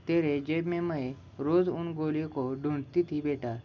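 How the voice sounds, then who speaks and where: A man's voice: a little high, steady tone, normal speed, dull audio, a little hiss or hum, close to an everyday voice. A man voicing an anxious, loving mother who pleads with her son through tears. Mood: tearful. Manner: pleading, emotional.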